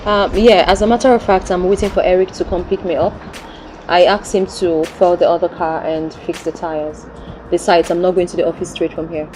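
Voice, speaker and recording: A woman's voice: fairly low pitch, steady tone, a little fast, darkish tone, a little hiss or hum, natural voice, rough recording. An actress playing a protective, concerned woman of the household in a film drama, with a Nigerian accent. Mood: easy, chatty.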